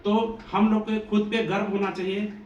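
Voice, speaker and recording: A man's voice: high-pitched, little pitch movement, normal speed, a little mellow, muffled recording. A man from Bihar who runs a coaching institute, giving an earnest, devotional motivational address to students. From Bihar, India. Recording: echoey room, distant mic, faint ambient noise.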